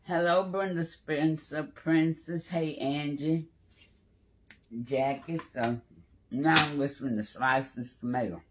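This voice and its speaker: Slow-talking and fairly high-pitched, this man hosts a laid-back cooking livestream at home over a noisy background. While cooking, he chats and welcomes viewers by name.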